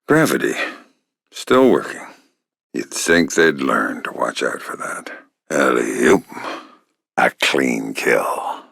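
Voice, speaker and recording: A middle-aged video game covert operative, gruff, menacing, and wry, speaks in an extremely low, gravelly rumble that often drops into a breathy growl. His lines are terse, deadpan, and sardonic, heavily acted and recorded dry and close.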